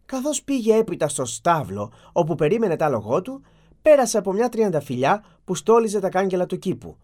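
A storyteller giving an expressive, dramatic reading of a fairy tale. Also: medium pitch.

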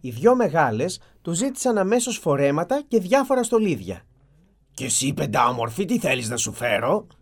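A storyteller giving an expressive, dramatic reading of a fairy tale. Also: mid-range voice.

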